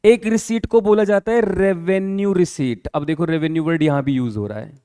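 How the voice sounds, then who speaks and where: A man's voice: high-pitched, moderate pace, mellow, clean tone, no room sound, clean studio sound. A man teaching an accounting class, explaining patiently, repeating key terms and checking often whether the students have understood. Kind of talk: classroom lecture.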